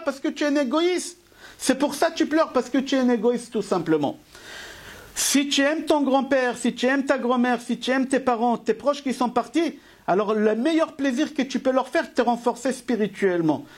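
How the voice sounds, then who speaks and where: A man teaching a live religious lesson to an online class, emphatic and driving, asking rhetorical questions and answering them himself. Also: very high voice. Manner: emphatic, asks and answers his own questions. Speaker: Torah teacher.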